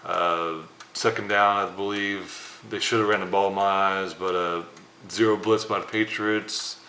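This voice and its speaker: Young man, sports co-host, low voice, bright forceful tone, halting with fillers, downcast, echoey room, faint noise. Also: steady tone. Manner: subdued, halting, many fillers. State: downcast after a loss. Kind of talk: casual sports talk. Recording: roomy echo, faint background noise.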